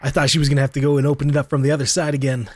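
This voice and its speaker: A gaming YouTuber hosts a let's play with casual, playful commentary, calling out to the game's characters. His medium-pitched, darkish voice stays fairly flat in pitch and moves very fast.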